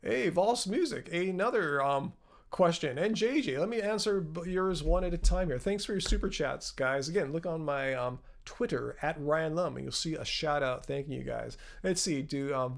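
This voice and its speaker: A man's voice: fairly high pitch, lively intonation, normal speed, vocal fry. A man in his fifties hosting a casual live-stream Q&A, chatty and rambling as he answers viewers' questions. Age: 50s. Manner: chatty, rambling, self-correcting, laughs at own jokes. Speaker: channel host answering live chat.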